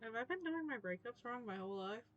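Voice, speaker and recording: A woman's voice: a little high, expressive, fast, lo-fi sound. A woman hosting a gaming video, reading game text aloud and commenting in an informal, giggly, self-interrupting way. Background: music.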